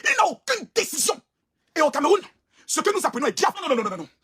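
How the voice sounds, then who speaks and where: A man's voice: extremely high pitch, very animated, fast talker, bright, forceful tone, a little hiss or hum. A man giving an impassioned, indignant video rant as an online commentator, emphatic and pleading by turns.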